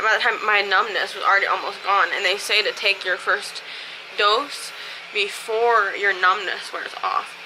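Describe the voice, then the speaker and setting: A noisy background surrounds an American woman vlogger as she chats casually and candidly to camera at home, rambling slightly. Her voice is medium in pitch, and her mouth is swollen and sore following dental surgery.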